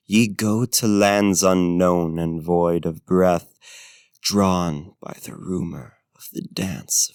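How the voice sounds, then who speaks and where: A man plays a suave, predatory ancient vampire in an ASMR roleplay, an intimate, theatrical monologue that's seductive and menacing, his voice slow, low and creaky. He speaks formally in archaic phrasing, with slow deliberate pauses and courtly endearments, in a grandly poetic mood. It's studio quality with no room sound.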